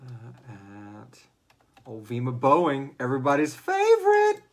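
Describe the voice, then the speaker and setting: His pitch is medium but swings hugely, and he talks a little slowly. He's a man hosting a relaxed livestream chat, rambling and joking and sometimes muttering during setup, and he hosts and co-created a horror audio drama.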